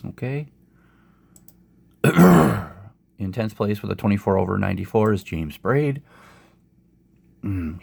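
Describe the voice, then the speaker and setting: A man with a sore throat and summer cold, casually narrating a golf game as host in a low-energy, unhurried way. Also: darkish tone. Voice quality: low, gravelly. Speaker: host of a sports gaming channel.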